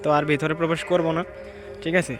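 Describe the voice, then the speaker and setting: A man gives a hushed, reflective walking tour of an outdoor graveyard, pausing to read the graves aloud. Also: a little high, level tone, music in the background. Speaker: vlogger. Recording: outdoor ambience noise.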